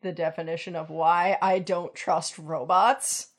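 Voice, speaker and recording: Woman with a lowish voice joking around on a podcast. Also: steady tone, measured pace. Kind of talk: casual chat.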